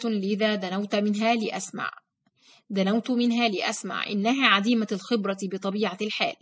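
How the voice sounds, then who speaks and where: A woman reading a first-person story aloud in a steady, even-paced manner. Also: medium pitch. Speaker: narrator. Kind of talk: audiobook story narration.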